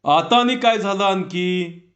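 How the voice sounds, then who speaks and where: A man voicing an educated town man with a camera who patiently explains things with quiet amusement. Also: sits high, slow pace. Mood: amused patience. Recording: dull lo-fi recording.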